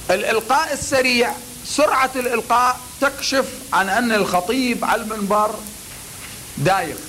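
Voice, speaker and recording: A man, a cleric, giving a religious lecture on the craft of preaching, speaking deliberately and emphatically with pauses before key words. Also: high voice, a bit bright, a little hiss or hum, poor audio.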